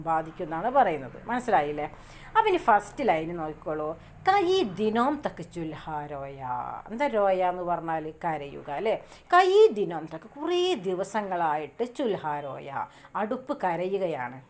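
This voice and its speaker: A woman teacher explains a poem to her students one line at a time. She keeps asking the class questions and then answers them herself. Her voice sits at an ordinary middle pitch. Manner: reads verse lines slowly.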